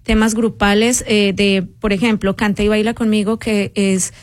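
A woman appearing as a radio guest, explaining the programs of a community music school in a steady, informative way. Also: mid-range voice, normal speed, no echo. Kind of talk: radio interview.

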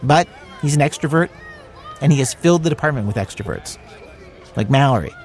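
A man's voice: mid-range voice, animated, fairly quick, a little mellow, some chatter behind, low-quality recording. A man narrating a scripted radio story as a reporter, in a conversational style.

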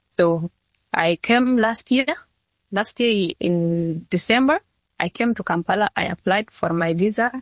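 A nineteen-year-old model from Sudan, specifically South Sudan, answers interview questions plainly and earnestly as a young adult guest, often restarting her sentences. Her mid-range voice is captured in a dry recording.

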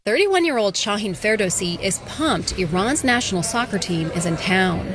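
A woman reporter narrating a scripted news story in a measured way. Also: medium pitch, expressive, a bit bright, faint music behind.

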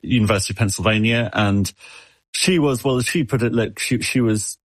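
A man's voice: fairly low pitch, fairly quick, no room sound. A man answering an interviewer as an expert, explaining with analogies and often stumbling over repeated words. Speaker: expert guest.

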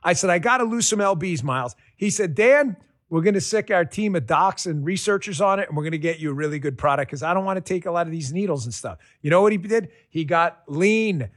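A man reads a radio ad in an animated, punchy way, making it personal. His voice sits a bit high and sounds dry and close to the mic. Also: a little fast, no room sound. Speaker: radio host reading an ad. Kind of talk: host-read radio ad.

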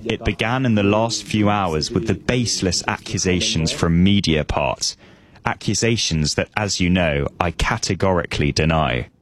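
A man interpreting a speech at a news conference, delivering a translation voice-over in a steady, formal way. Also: low voice, normal speed. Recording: crowd noise behind the voice.

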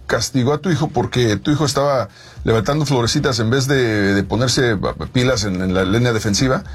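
Male co-host from Mexico, slightly breathy voice, easy conversational delivery. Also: mid-range voice, a little fast. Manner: conversational, explains with examples. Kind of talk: casual talk show chat.

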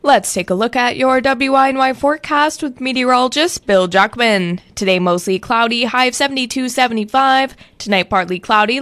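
A woman reading the local news and weather on the radio in a smooth, polished broadcast delivery from a script. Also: a little high, no room sound. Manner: polished, even-paced read from script.

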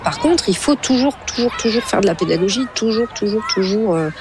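A woman's voice: medium pitch, lively intonation, fairly quick. Insistent woman journalist on a noisy street. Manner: insistent, many fillers. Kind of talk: interview answers.

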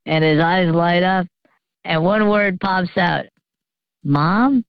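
A man's voice: sits high, takes it slowly, creaky, clean tone, no room sound, dull audio. Male caller through a voice changer. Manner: rambling storytelling with many fillers and chuckles. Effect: voice changer disguising his voice. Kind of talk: call-in confession story.

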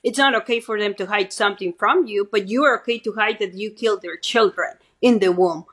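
A woman's voice: mid-range voice, brisk, a bit bright, slightly rough. A middle-aged woman from Mexico City with a Mexican Spanish accent, giving a talkative interview testimony and often tagging on "right?". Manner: talkative, keeps adding "right?". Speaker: guest speaker and activist.

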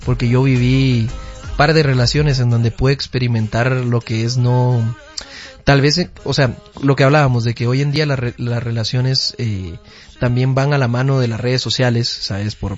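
A man's voice: mid-range voice, dull audio. A young man from Guatemala, a musician guest on a radio show. He talks in a friendly, easygoing way in a studio booth. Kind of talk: casual radio interview. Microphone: studio microphone. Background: faint music.

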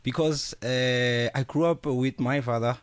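A man's voice: mid-range voice, steady tone, unhurried, smooth, no echo. A South African man talking as a studio guest in a radio interview, casual and full of fillers, dropping Zulu words into his talk. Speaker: studio guest, business founder.

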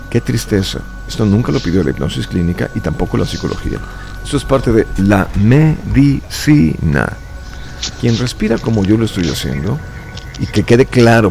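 A man's voice: on the low side, expressive, normal speed, a little mellow, faint music behind. A man in his fifties, raised in Mexico, talking emphatically and lecturing as a guest in a radio studio. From Chile, raised in Mexico. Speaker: stage hypnotist guest. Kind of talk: radio interview chat.

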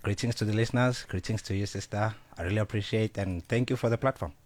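Low-voiced South African man, relaxed guest. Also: fast talker. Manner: relaxed, hesitant, code-switching with many fillers. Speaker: studio guest, business founder. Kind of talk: casual interview talk. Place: radio studio.

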